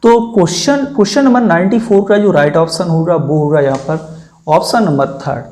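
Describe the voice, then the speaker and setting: A man teaching an exam-prep lesson, his voice sitting a little on the higher side. He reads each English option out slowly and carefully, then explains it in Hindi, calling his viewers friends. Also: darkish tone.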